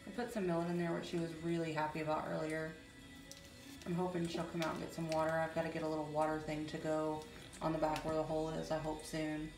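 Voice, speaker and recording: Woman pet vlogger, low and gravelly, chatty with fillers, faint music behind. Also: level tone, fast talker. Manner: chatty, with frequent fillers and baby talk to her birds. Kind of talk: casual pet vlog narration.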